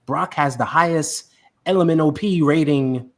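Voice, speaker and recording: A man co-hosting a podcast in casual sports chat, animated and repeating words for emphasis. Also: on the high side, normal speed. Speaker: podcast co-host.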